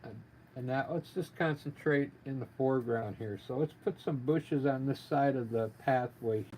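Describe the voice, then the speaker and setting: A man giving a casual live painting lesson as a gentle, informal instructor with a gravelly voice, talking while he works. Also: medium pitch, normal speed, rough recording. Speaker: painting instructor, livestream artist. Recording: noticeable background noise, live stream.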